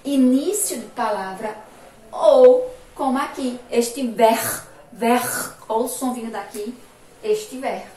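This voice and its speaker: A fairly high-voiced woman teacher from Brazil gives a remote lesson to young children, drawing out each word and repeating sounds again and again. She is recorded from a distance in an echoey room with faint background noise. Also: dark tone. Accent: Brazilian Portuguese, Sergipe. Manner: slow, emphatic, repeats sounds and words for children. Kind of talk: remote school phonics lesson.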